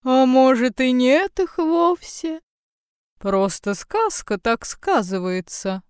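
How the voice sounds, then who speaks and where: Woman putting on a high, slow old owl storyteller. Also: lively intonation, darkish tone, clean tone, no echo, studio quality. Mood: wistful. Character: wise old grey-feathered owl, male, storyteller. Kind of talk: storybook reading.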